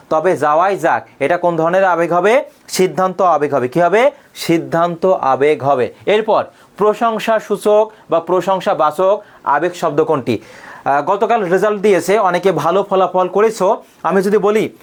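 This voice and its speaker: A man leads an online exam-prep grammar class. He asks a question and then repeats the answer slowly so that it sticks. He reads his example sentences with exaggerated feeling. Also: fairly high pitch. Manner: repeats key answers slowly as call-and-response. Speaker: teacher.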